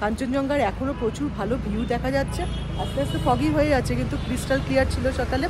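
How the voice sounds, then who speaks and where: A woman's voice: high-pitched, racing. A woman travel vlogger from India chatting with viewers and guiding them around, with music playing behind her. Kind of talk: travel vlog, voice-over and on-the-spot talk. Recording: background music under the voice.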